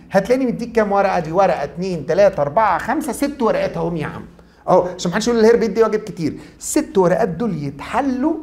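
A middle-aged man with an Egyptian Arabic accent, teaching German in a brisk, chatty classroom video lecture where he asks and answers his own questions. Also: sits high, a little mellow.

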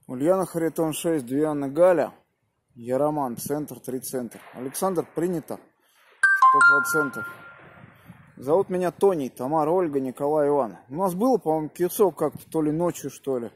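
At evening in a snowy park, a man in his thirties holds his phone camera at arm's length and chats about amateur radio, spelling out call signs. His voice is a little high, bright and forceful with a slight roughness, moving at a moderate pace.

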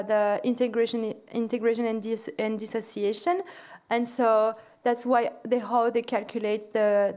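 This lecturer, a woman with a fairly high but darkish voice, takes questions from the audience at a podium in a big lecture hall, often restarting and using plenty of fillers.

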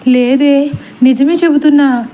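A woman's voice: high voice, steady tone, unhurried, warm tone, pitched above the performer's own voice. A woman voicing a frightened older grandmother who scolds her maid in a panicky way.

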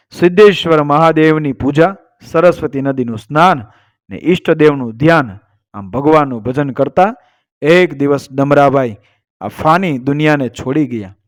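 A male storyteller narrates an old folk tale at a steady pace. His voice sits slightly high. The recording is close and dry, with no room sound. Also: no echo.

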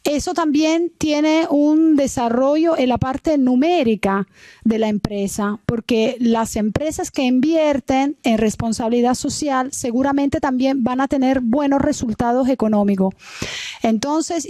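A young Italian woman with a high-pitched, warm voice speaks Spanish in a Cuban accent as a business representative at a forum. She gives an earnest speech into a desk microphone on a stand in a large meeting hall, restarting hesitantly at times.

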